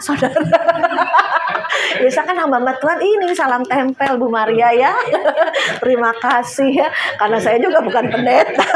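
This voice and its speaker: High-voiced woman preaching with laughter. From Indonesia. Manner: lively storytelling with frequent laughter and cries. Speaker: lay preacher. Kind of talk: sermon. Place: church.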